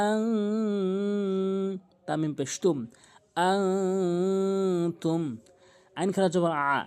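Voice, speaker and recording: A man teaching correct Quran pronunciation, explaining each rule and repeating the words slowly to drill them. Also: a little high, dark tone.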